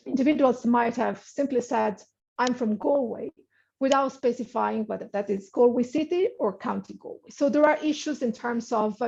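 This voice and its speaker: A woman's voice: a little high, vocal fry, darkish tone. A woman giving an academic research presentation in a webinar, talking with many fillers and restarts. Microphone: video call. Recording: muffled lo-fi webinar audio.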